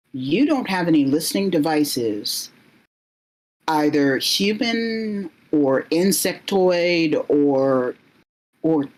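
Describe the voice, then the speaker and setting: Woman as cool female vampire, calm, pointed, low and unhurried. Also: full character voice, poor audio.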